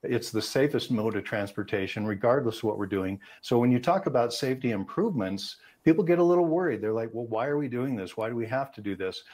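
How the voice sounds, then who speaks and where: An American aviation safety analyst in his sixties gives expert safety commentary in a news interview over a video call from an indoor room. His medium-pitched voice is a little mellow and fast, with hardly any pauses.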